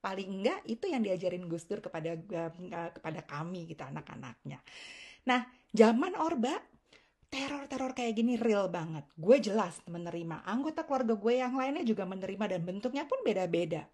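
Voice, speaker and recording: A woman's voice: medium pitch, sing-song, normal speed, darkish tone, husky. A woman, telling a personal story in a casual, reflective monologue. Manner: conversational, reflective storytelling with fillers. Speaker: commentator.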